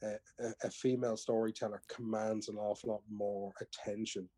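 Irish male storyteller, mellow and close. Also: lowish voice, flat delivery, moderate pace, no room sound. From Ireland. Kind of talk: casual conversational storytelling and explaining.

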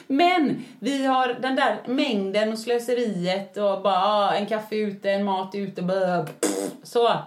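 A woman's voice: mid-range voice, steady tone, hardly any pauses, echoey room. A woman co-hosting a podcast in casual chat, chatty and self-mocking, laughing often. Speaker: podcast co-host.

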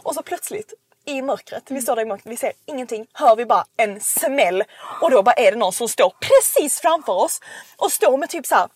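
Young woman, podcast host, lively storyteller who acts out the scenes, higher-pitched, dry sound. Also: slightly rough, no echo. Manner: animated storytelling, acting out screams and quotes. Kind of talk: casual chat.

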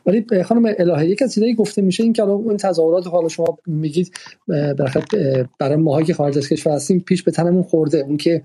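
A male host moderating a discussion, thoughtful and hesitant, with many pauses and fillers. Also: fairly high pitch, fairly even intonation, dark tone, slight background noise.

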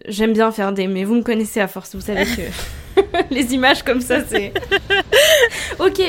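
A woman hosting a casual podcast interview, friendly and quick to laugh. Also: on the high side, big pitch swings, slight background noise. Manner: friendly, laughs easily, quick back-channel replies. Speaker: podcast host.

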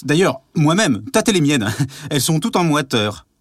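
An actor playing a quick-tempered, embarrassed husband who shouts and stammers in a comedy sketch. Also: male voice, fairly high pitch, sing-song, no echo, studio quality. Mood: flustered. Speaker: official receiving a visitor. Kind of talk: stage comedy sketch acting.

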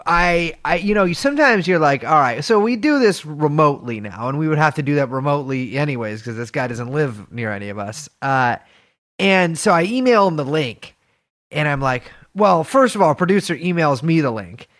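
A man co-hosting a podcast in casual comic banter, with a nasal, stuffed-up voice and profane, deadpan joking. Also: fairly high pitch, normal speed. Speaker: podcast co-host.

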